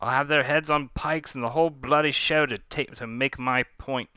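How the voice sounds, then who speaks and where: A man's voice: mid-range voice, fairly even intonation, normal speed, pushed and bright, smooth, no room sound, lightly acted. Man playing brash Cockney-ish female pirate captain Leah. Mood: scornful, menacing. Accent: attempted Cockney, slipping toward Australian. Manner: brash, menacing, salty slang. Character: vengeful swaggering female pirate captain, a vampire.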